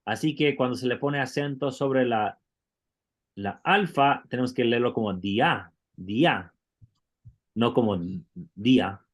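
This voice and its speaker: A man's voice: medium pitch, normal speed. A man who teaches Greek in an online class and explains things patiently, step by step, often restarting his words.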